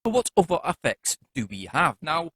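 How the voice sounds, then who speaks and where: A man's voice: fairly high pitch, sing-song, moderate pace, bright, forceful tone, slightly rough, no room sound, clean studio sound. A man giving a chatty, jokey product review in a casual, upbeat way.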